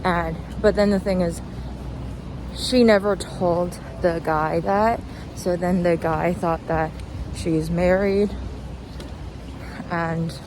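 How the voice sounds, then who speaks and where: A young woman with a lowish voice vlogs while walking down a street, rambling casually in an informal, hesitant way and letting her thoughts trail off. The outdoor recording is noisy, with clear traffic and vehicle sounds around her.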